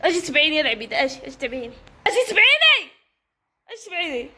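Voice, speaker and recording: A woman's voice: high voice, rapid-fire, pushed and bright, echoey room, a little hiss or hum. A woman with a Moroccan Arabic accent, bossing around and teasing in a casual vlog. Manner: bossy, teasing, giggling. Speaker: vlogger.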